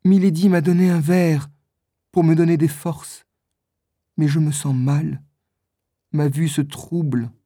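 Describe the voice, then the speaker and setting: A frail young woman in love, weak and pleading, as a storybook reader plays her. Her lines come slowly and softly in a mellow tone, recorded close and dry. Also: mid-range voice, fairly even intonation, no room sound, voice pushed up. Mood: tender. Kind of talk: storybook reading.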